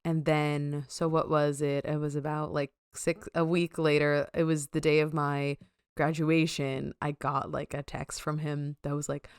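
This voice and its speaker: A woman's voice: deep voice, little pitch movement, a little slow, clean tone, no echo, clean studio sound. A young woman co-hosting a podcast, chatting casually and rambling with lots of fillers and giggles. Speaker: podcast co-host. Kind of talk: casual chat.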